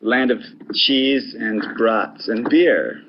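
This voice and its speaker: A man from Wisconsin in a casual online voice chat, speaking in a dry, easygoing, low-key way. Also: slow, dull audio, slight background noise.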